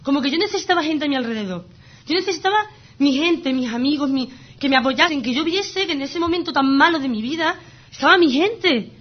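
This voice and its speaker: Fast-talking high-voiced woman. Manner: animated, emphatic storytelling. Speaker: guest sharing her illness story. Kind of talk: casual conversation. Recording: slightly dull lo-fi sound.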